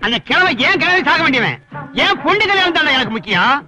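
Brief: bossy bride's father, gruff and dismissive, high voice, loud film music behind. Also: very animated, fast talker. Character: proud, stubborn father of a bride. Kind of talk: Tamil film comedy acting.

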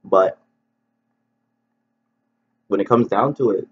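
Male vlogger, low-ish husky voice, earnest and halting; muffled home recording. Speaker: video creator. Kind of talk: reflective vlog monologue. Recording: dull lo-fi recording.

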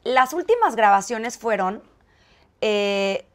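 A woman's voice: a little high, slow pace. A woman with a Mexican accent, a guest in an interview, telling a personal story and acting out the dialogue. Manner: animated, acts out quoted dialogue. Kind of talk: conversational storytelling.

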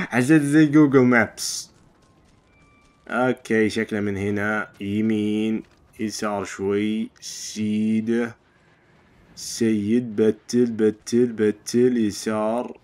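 A man's voice: fairly low pitch, steady tone, takes it slowly, darkish tone. A man giving casual let's-play commentary and explaining each step to his viewers. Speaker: gamer.

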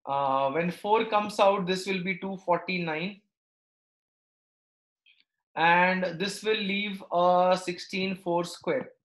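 A man's voice: high voice, takes it slowly, long pauses, fairly bright tone. Male teacher, echoey room. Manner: checks understanding with short questions. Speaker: maths teacher. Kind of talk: live online lesson, working through steps aloud. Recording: echoey, roomy sound.

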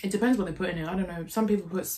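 A young woman co-hosting an eating video, chatting casually and excitably while she eats. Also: lowish voice. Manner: excitable, quick to gasp and laugh. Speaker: co-host of an eating channel.

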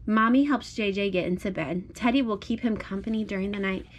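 This is a child-directed storybook read-aloud: a woman on a blanket indoors at home, sharing a picture book with a small child. She sounds encouraging and sing-song, repeating simple phrases, in a medium-pitched voice that moves a little fast.

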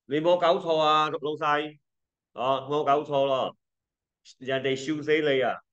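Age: adult. Sex: man. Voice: bright, unhurried. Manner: playful teacher drilling pronunciation. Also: a little high, steady tone, highs cut off. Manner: playful, switches between languages, repeats words to drill them. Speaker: English teacher. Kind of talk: language lesson.

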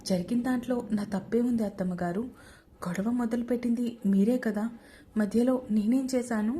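A woman's voice: a little high, steady tone, normal speed, mellow, close to an everyday voice. A woman voicing a meek, polite young newlywed daughter-in-law. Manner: polite and respectful.

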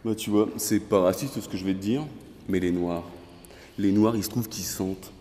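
A man's voice: low-pitched, steady tone, normal speed, mellow, in a large hall, a little hiss or hum, close to an everyday voice. A young man playing an arrogant, condescending lead actor on a film set, in a large warehouse. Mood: smug. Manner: smug, condescending.

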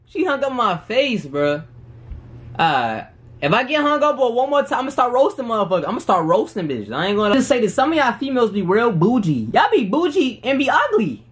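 A man's voice: very high-pitched, sing-song, a little fast, a bit bright. A young man in his twenties, chatting with strangers on a video app in brash, teasing, slangy banter. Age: 20s. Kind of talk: casual video chat. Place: small room indoors.

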